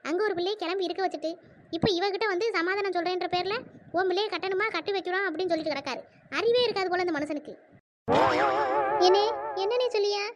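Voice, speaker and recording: A performer voicing a sharp-tongued village wife in a cartoon, grumbling sarcastic asides. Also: fast talker, slight background noise. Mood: scornful. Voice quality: high squeaky cartoon voice. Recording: dull lo-fi audio.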